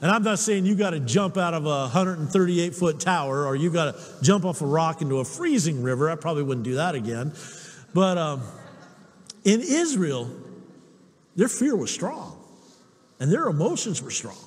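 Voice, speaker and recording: A pastor preaching and telling personal stories with a lot of humor about himself. His husky voice sits high and leaps around with animation. The recording carries a long hall reverb. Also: moderate pace. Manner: storytelling, animated, self-deprecating humor. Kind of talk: sermon.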